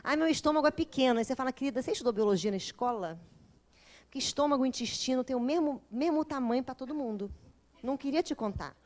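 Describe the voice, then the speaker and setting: Woman, Brazilian accent, high voice, lively storytelling lecturer, informal class. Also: fast talker. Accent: Brazilian Portuguese. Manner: animated and humorous, acts out quoted voices. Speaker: lecturer of a spiritist psychology course.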